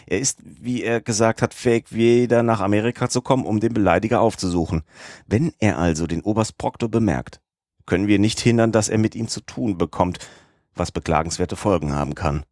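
A man's voice: lowish voice, a little fast, a little mellow, no room sound, clean studio sound, close to an everyday voice. A man voicing an earnest, anxious young woman in a read-aloud storybook. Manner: earnest, pleading.

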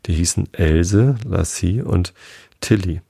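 A man reading a hoarse, sleepy dormouse. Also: sits low, slow pace, dark tone, no echo, heavily acted. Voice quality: hoarse, weak. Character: sleepy, grumpy male dormouse storyteller.

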